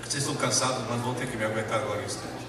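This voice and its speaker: A man giving a talk on learning to a live audience, humorous and animated, often putting questions to the listeners. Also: medium pitch, very fast. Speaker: speaker at an education talk. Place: large hall. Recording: echoey hall, distant mic, noisy.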